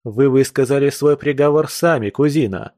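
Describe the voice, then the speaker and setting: A man's voice: mid-range voice, animated, unhurried, a little mellow, no room sound, studio quality, natural voice. A man reading a classic novel aloud, voicing a passionate, earnest young nobleman with urgent, lecturing speech. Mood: fervent.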